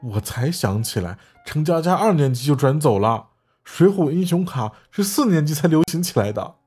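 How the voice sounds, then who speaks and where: A man voicing a teasing, quick-tempered young woman, the sister in a storybook, with faint music behind. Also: fairly even intonation. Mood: indignant. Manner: raises voice high and loud for her lines.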